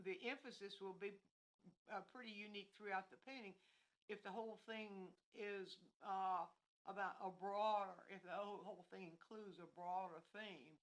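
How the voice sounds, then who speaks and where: A woman's voice: medium pitch, fairly bright tone, low-quality recording. An older woman teaching a painting lesson on a livestream. She speaks unscripted, thinking aloud with many restarts and self-corrections, outdoors with fallen leaves behind her. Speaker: art instructor.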